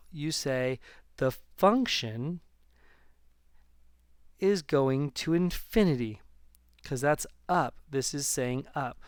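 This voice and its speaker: Male math teacher, recorded video lesson; smooth, resonant voice, dry close sound, casual jokey delivery with bursts of speed. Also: mid-range voice, no echo. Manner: chatty, jokey, talks straight to students.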